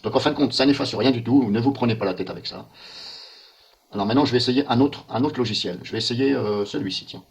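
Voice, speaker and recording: A man talks through a software walkthrough while recording his screen. He thinks aloud and mutters in puzzlement as he clicks through the menus. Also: medium pitch, fast talker. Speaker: software tester.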